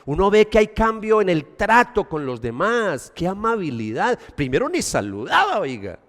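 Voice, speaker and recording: Un pastor que predica un sermón, alternando énfasis fuertes con apartes en voz baja y escenas coloquiales actuadas para la congregación. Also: male voice, sits high, huge pitch swings, moderate pace. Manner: preaching with dramatic swings between loud emphasis and quiet asides; colloquial, acts out little scenes for the congregation. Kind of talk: sermon. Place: church hall. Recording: long church-hall reverb.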